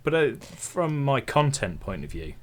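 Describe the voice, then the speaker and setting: This tech YouTuber, a young man from the English Midlands, talks at a measured pace with a medium-pitched voice. As an interview guest he comes across as easygoing, chatty and quick to poke fun at himself.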